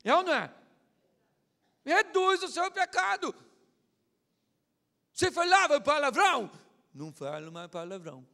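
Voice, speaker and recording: Male pastor, high and bright, preaching animatedly in a reverberant church hall. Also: unhurried, creaky, long pauses. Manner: animated, mimics others, swings from shouting to muttering. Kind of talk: humorous evangelical sermon.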